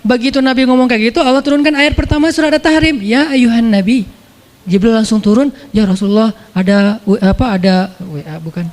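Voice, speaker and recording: A man from Indonesia preaching in a relaxed, playful storytelling way, laughing now and then. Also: extremely high pitch, quick pace, hardly any pauses. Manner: chatty, playful, laughs often. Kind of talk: casual storytelling sermon.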